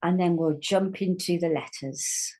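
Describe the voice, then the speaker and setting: In a low-quality recording, a woman with a fairly low, mellow voice speaks a little slowly. She teaches a recorded online phonics and spelling lesson, patiently sounding out the letters over and over.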